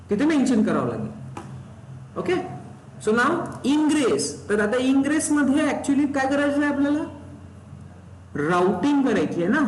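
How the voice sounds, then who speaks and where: A man is teaching a technical class, his voice set high. He keeps quizzing the students and repeating the key terms. The room is echoey and a faint noise sits underneath. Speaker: instructor. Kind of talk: live technical class explanation. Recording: roomy echo, faint background noise.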